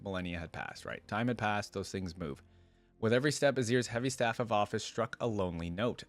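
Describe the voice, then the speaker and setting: A fan video creator reads a fantasy story aloud, his fairly low voice measured and dramatic. He breaks in now and then with casual reactions.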